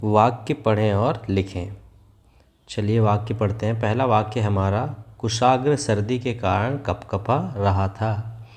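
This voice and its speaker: A male teacher giving a worksheet lesson to young children, patiently explaining and repeating words slowly for pupils to echo. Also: fairly low pitch, darkish tone.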